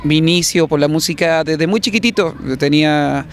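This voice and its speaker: Outdoors in an open public plaza, a young Chilean man from the country's south, a singer, gives casual answers for a promotional interview into the interviewer's handheld reporter mic. He speaks at normal speed with a fairly high pitch, and slight background noise is audible.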